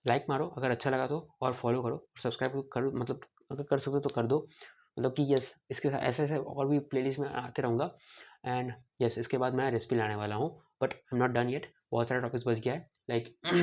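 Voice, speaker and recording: A man's voice: medium pitch, fairly even intonation, brisk, a little mellow. A young man teaching medicine in a casual lecture, switching between Hindi and English and sounding out speech patterns himself. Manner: informal, mixes Hindi and English, demonstrates speech patterns aloud; frequent throat clearing. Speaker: medical tutor.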